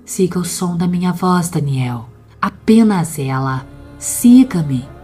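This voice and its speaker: A woman voicing a gentle, loving young woman who guides her beloved, speaking softly and soothingly in a horror audio story. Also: mid-range voice, expressive, normal speed, faint music behind, natural voice. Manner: soft, soothing, reassuring. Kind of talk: dramatic audio-story reading.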